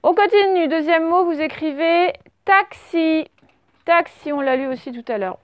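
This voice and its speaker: A French woman teacher giving a slow dictation lesson to young children, stretching out words and spelling letters. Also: very high voice, lively intonation, no room sound. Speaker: primary school teacher.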